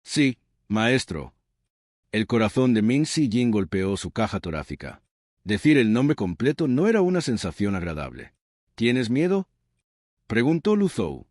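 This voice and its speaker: Lively low-voiced male recap narrator. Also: moderate pace, dry recording, studio quality. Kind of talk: scripted story recap narration.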